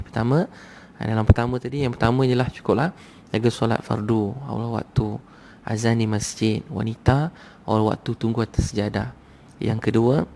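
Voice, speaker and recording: Male Malaysian preacher, gravelly voice, urges the crowd in a loose, repetitive sermon style. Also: medium pitch, mellow, slight background noise. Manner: conversational, repetitive, urging the crowd. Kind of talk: sermon to a live audience.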